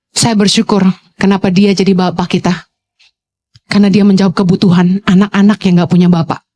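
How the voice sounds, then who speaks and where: A woman pastor, preaching to a youth congregation in a lively storytelling way, slipping in English phrases. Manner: swings to high, playful exclamations.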